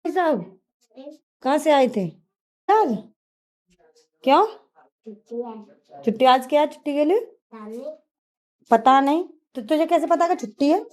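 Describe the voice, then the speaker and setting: High-voiced hoarse village woman vlogging. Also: lively intonation, a little slow, pauses often, darkish tone. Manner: chatty, scolds and coaxes family and kids. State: sore, hoarse throat after fever. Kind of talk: casual vlog narration. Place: outdoors in a village, farmyard and lanes.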